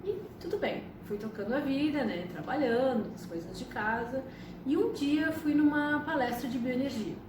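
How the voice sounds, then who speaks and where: A chatty Argentine woman in her 50s, an astrologer and psychotherapist, tells personal stories to camera and often uses tag questions. Her voice sits high and her pace is moderate. The mic is distant, and the room is noisy and echoey.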